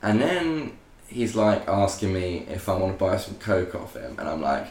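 A man's voice: deep voice, big pitch swings, normal speed, a little mellow, echoey room, slight background noise. A young man telling a story in casual podcast chat, rambling with lots of fillers and acting out other people's lines. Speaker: podcast co-host.

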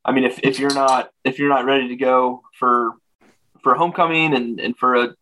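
A man's voice: mid-range voice, fairly even intonation, normal speed, sharp tone, low-quality recording. A man giving casual football analysis as a guest sports reporter, repeating words and leaning on "you know" as he thinks aloud.

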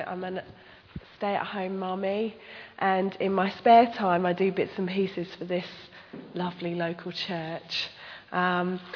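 A woman speaks at church in a gravelly, hoarse voice at a middling pitch. Her delivery is candid and conversational, like a personal testimony. The sound is dull, with long hall reverberation. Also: slight background noise. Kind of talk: informal sermon, personal testimony.

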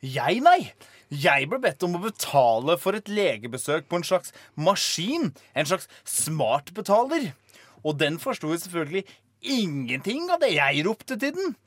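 Excitable bumbling man played by a man, high voice that swoops around a lot, blustering, dry sound, live radio comedy. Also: dry recording.

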